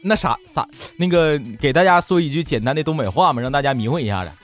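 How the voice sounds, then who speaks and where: Animated man with a Northeastern Chinese accent. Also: a little high, fast talker, faint music behind. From Tieling, northeastern China. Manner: bantering, colloquial. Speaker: podcast host. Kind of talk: casual comedic interview chat.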